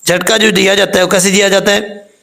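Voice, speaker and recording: Male tajweed teacher, high voice, gravelly edge, patient and methodical. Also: level tone, sharp tone. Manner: patient, repeats common mistakes and corrections; slowly spells out letters and vowel marks. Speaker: Quran recitation teacher. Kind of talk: step-by-step tajweed lesson.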